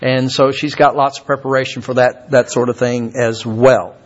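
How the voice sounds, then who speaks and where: An older man from Kentucky, a visiting preacher who talks haltingly and repeats words, with many fillers. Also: medium pitch, flat delivery, dull audio. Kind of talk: sermon.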